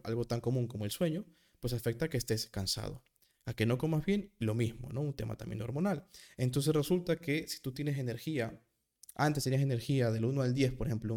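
Mellow-voiced man rambling through a solo podcast. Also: medium pitch. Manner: rambling, self-correcting, with examples; self-described nervous. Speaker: podcast host, psychologist. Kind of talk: casual solo podcast talk.

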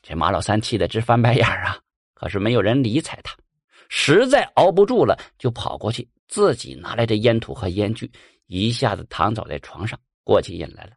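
A male storyteller spinning a folk ghost story in a colloquial, animated way. His pitch rises and falls widely, and the sound is dry and close to the mic. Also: fairly quick, creaky, slightly rough, no room sound.

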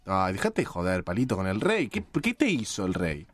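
A man's voice: low-pitched, huge pitch swings, moderate pace, dry recording. A man with a Rioplatense accent hosting a comedy radio show, bantering and questioning the character incredulously. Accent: Rioplatense Spanish. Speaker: radio host.

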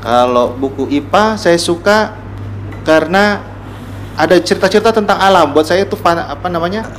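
In a casual conversational interview, a writer with a Gorontalo Indonesian accent speaks as a podcast guest at normal speed in a high-pitched voice. He explains things reflectively and searches for his words, and there is noticeable room noise and ambience.

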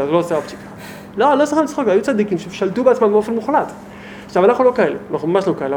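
A man teaching as a rabbi to a small group, talking in an animated, emphatic way with many rhetorical questions. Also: high voice, slight background noise.

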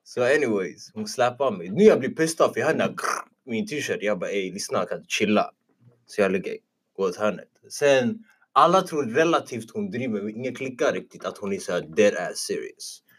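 A man's voice: on the low side, expressive, slightly rough. A young man, a podcast co-host, telling a story in casual chat and mixing in English phrases.

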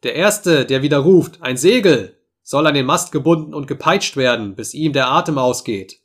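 A man reading a story voices a tyrannical ship captain barking loud orders at his crew. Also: lowish voice, fairly even intonation, fast, lightly acted. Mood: furious.

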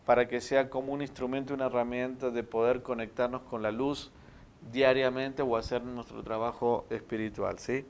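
A man's voice: mid-range voice, level tone, normal speed, clean tone. A man teaching a spiritual meditation class, explaining step by step and often checking with the students.

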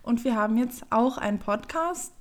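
Woman, twenties, from Düsseldorf, podcast co-host, casual storytelling, chatty, playful, higher voice. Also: expressive, normal speed. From Düsseldorf, Germany. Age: 20s.

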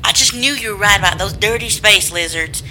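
A man's voice: high voice, fairly quick, sharp tone, slight background noise, voice pushed up, heavily acted, low-quality recording. Gushing superfan caller, as a man puts her on. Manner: gushing, eager. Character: overeager woman caller, gullible superfan.

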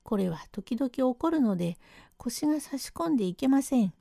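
A woman's voice: high voice, expressive, moderate pace, vocal fry, warm tone, no echo, clean studio sound, full character voice. Woman doing a deaf, humble old father. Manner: polite, rambling, mishears everything. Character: elderly male plasterer's father, hard of hearing, humble. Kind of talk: rakugo storytelling reading.

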